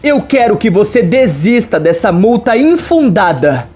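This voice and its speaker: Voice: mid-range voice, big pitch swings, measured pace, darkish tone, husky, soft background music, voice pushed up. A narrator reading a defiant young heroine, firm and sarcastic.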